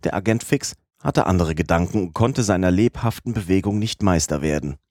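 A man narrating an audiobook in a measured, even storytelling manner. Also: low-pitched, no room sound, clean studio sound. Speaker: audiobook reader.

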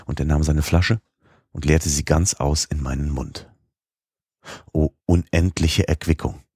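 A man reads a classic adventure novel aloud with a very deep, husky voice. His delivery is expressive and lifts into the dialogue. The recording is close and dry, with no room sound. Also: a little slow, dry recording. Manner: expressive reading, voicing the dialogue. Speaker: audiobook narrator. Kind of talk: scripted narration of a classic novel.

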